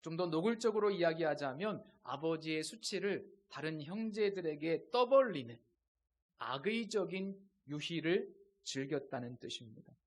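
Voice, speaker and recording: Male pastor with a high voice, delivering a sermon with measured pauses and hushed emphasis. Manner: measured preaching with dramatic pauses and dips in volume.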